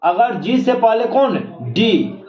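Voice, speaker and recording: A man teaching a classroom English lesson, repeating his own questions and spelling letters out slowly. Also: sits high, expressive, soft background music. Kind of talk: classroom lesson explaining pronunciation. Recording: echoey room, slightly dull sound.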